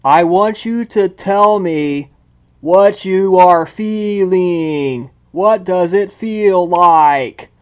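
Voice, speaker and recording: A man voicing a cold female vampire scholar who speaks loud, slow and patronizing. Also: on the high side, lively intonation.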